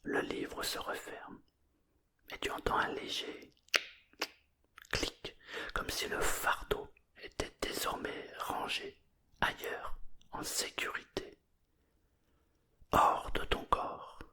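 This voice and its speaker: A narrator telling a bedtime story in a breathy, murmured whisper, hushed and soothing, with gentle pauses between phrases.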